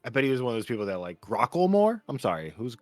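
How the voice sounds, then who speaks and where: A man's voice: medium pitch, expressive, racing, faint music behind. A man playing an awkward, eager-to-please newcomer in a tabletop game, stumbling and apologizing. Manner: eager, awkward, agreeable, full of fillers. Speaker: player. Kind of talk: in-character tabletop role-play.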